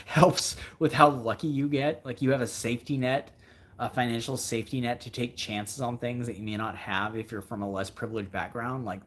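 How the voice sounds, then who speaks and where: A male fishing creator chats casually on a livestream, answering viewer comments as he rambles and thinks aloud. He often repeats phrases for emphasis, speaking in a husky, unpolished, middle-pitched voice.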